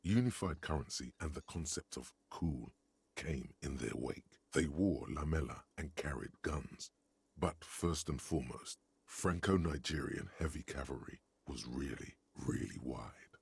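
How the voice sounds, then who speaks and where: A man voicing a wry, deep-voiced game narrator with a husky, gravelly voice and a dry, descriptive delivery. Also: a little slow, dry recording, exaggerated voice. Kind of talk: video game voice acting. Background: faint game music.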